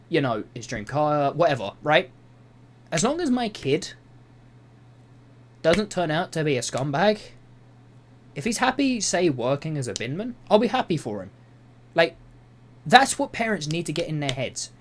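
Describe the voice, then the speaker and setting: A young man reading reddit posts aloud and commenting on them in an exasperated, rambling way, swearing often. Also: on the high side. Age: young adult. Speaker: YouTuber. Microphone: voice-over over gameplay footage.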